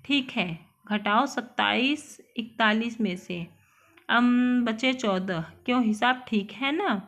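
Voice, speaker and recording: A woman's voice: a little high, takes it slowly, fairly bright tone. A woman doing a stern scheming house master. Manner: stern, hard-edged voice. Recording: dull lo-fi recording.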